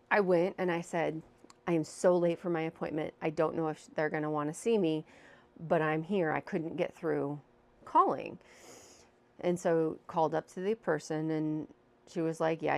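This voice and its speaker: A woman's voice: low voice, gravelly, a little mellow. A woman telling a personal story in a casual, candid vlog, speaking into a microphone with a windscreen at home. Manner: chatty, candid, self-deprecating. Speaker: vlogger. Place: home room with a fan running. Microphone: new microphone with windscreen.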